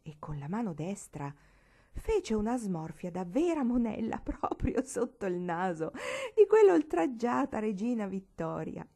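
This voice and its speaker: A woman reading a novel aloud as an audiobook narrator, expressive and shifting into character voices. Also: medium pitch, unhurried. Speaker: audiobook reader.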